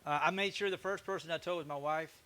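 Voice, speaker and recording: A man with a Southern US drawl hosts a woodworking livestream in an easygoing, folksy way. His voice sits a little high and rings bright and forward. He talks to his viewers like old friends. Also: steady tone, fast. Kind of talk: casual livestream chat while working.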